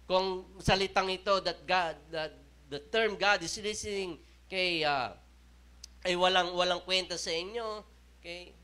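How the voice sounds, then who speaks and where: A man's voice: high-pitched, sharp tone, smooth. A man with a Filipino accent preaching a sermon, mixing Tagalog and English and often checking in with "okay?". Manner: slow, emphatic preaching with rising and falling intensity. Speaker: pastor.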